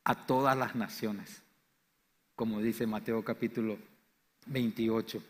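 A man with a Paraguayan Spanish accent preaching a sermon as pastor, swinging between loud, fervent declarations and quiet, low lines. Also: steady tone, takes it slowly. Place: church sanctuary. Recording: church hall reverb.

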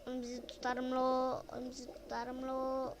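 A woman giving casual gameplay commentary, excitable and repeating words in quick bursts, with loud frustrated outcries. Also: high-pitched, noisy background. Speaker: gaming video creator.

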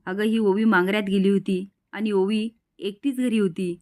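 A woman's voice: medium pitch, fairly even intonation, normal speed, dark tone, lightly acted. A woman reads a stern, protective middle-aged uncle who scolds and commands. She keeps the voice close to her own.

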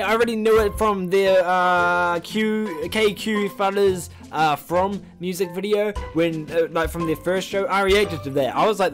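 Excitable young man, slightly high voice. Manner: excitable, rambling, swears casually. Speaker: YouTube reaction host. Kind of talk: casual reaction video chat.

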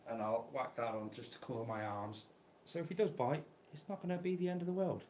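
A man keeping reptiles, chatting casually to viewers while gently coaxing and handling a snake indoors. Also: medium pitch, steady tone, fairly quick, roomy sound, a little hiss or hum. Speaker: reptile keeper vlogger. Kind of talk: casual vlog. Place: indoor room.

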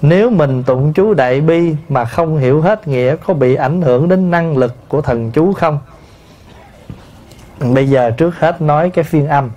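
A man, a Buddhist monk, giving a sermon to an assembly and explaining pronunciation slowly with many repetitions. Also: fairly high pitch, dark tone. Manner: slow, explanatory, addresses the assembly, repeats terms to teach pronunciation. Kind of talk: sermon answering a listener's question.

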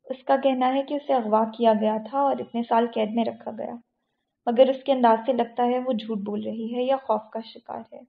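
A male informant giving a plain, matter-of-fact report, voiced by a woman reading an audiobook. The tone is gravelly, and the audio sounds tinny. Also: on the high side, fairly even intonation.

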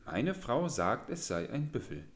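A man's voice: medium pitch, big pitch swings, a little slow, roomy sound, voice pushed up. A man voicing a gullible old farmer who muses in a hesitant, puzzled way. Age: older.

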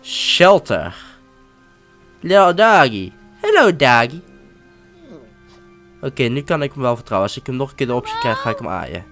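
A man giving casual commentary while playing a game, excitable and often swearing or exclaiming. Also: mid-range voice, racing, gravelly, few pauses, faint music behind. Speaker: let's-play gamer.

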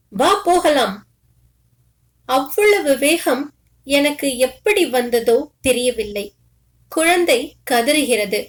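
A woman storyteller reads a literary short story aloud in a measured, expressive first-person voice. Her voice sits high and she takes her time with each line.

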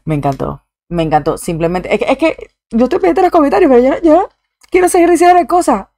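An effusive woman with a slightly high voice hosts a casual reaction video and reads viewers' comments aloud. She now and then slips English exclamations into her talk. The sound is dry and close. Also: very animated, fast, dark tone, dry recording. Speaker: YouTube reaction host.

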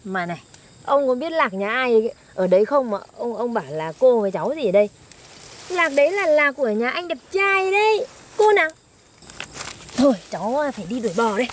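A young woman, acting in a comedy sketch with a sharp-tongued, mocking manner. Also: on the high side, sing-song, brisk, a little hiss or hum. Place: outdoors in a field.

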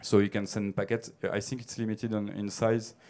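A man with a French accent speaks into a handheld mic on a theater stage. His voice sits fairly low and sounds smooth and clear. He pauses and restarts often, filling gaps with hesitations as he answers questions. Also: little pitch movement, a little mellow. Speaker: conference speaker. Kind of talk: conference Q&A answers.

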